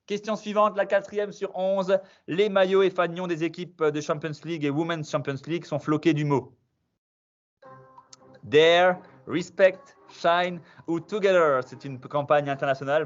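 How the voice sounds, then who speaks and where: A man hosts a quiz for young players over a video call. He talks energetically, and his voice leaps higher whenever he announces a question. The audio sounds a little dull and lo-fi. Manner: energetic, emphatic, pitch jumps up on questions. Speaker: quiz host and trainer. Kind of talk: online quiz session for youth players.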